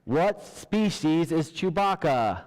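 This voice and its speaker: Slow, laid-back trivia host in a hall. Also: male voice, a little high, very animated, darkish tone. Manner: slow, deliberate, counts down and laughs at himself. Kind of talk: reading trivia questions aloud. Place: church hall. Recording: large hall with long reverb.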